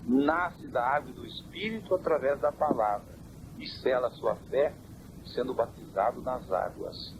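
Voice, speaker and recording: Church elder on hissy worn tape. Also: male voice, mid-range voice. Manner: measured, preaching doctrine. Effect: old worn cassette tape. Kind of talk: interview answers.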